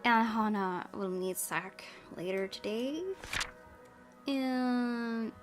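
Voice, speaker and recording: This woman's voice sits a little high, and she draws out her words. She's a game streamer narrating a visual novel let's-play style with casual commentary, faint music playing behind her.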